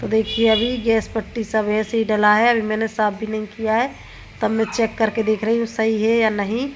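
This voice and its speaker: Her voice is fairly high, level and at normal speed, with a little hiss or hum in the audio. This thirtysomething vlogger, nursing a sore throat, rambles chattily through chores in her kitchen and on the rooftop, frequently correcting herself.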